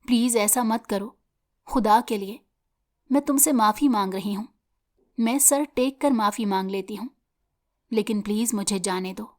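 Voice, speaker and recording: A woman's voice: mid-range voice, long pauses, darkish tone, lightly acted. A woman voicing a frightened young woman who pleads in a story reading. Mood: pleading.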